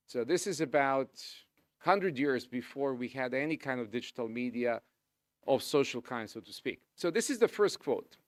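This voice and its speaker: Male conference speaker, middle-aged, Serbian accent, informal and halting delivery, close dry sound. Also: mid-range voice, lively intonation, no echo. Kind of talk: live academic presentation.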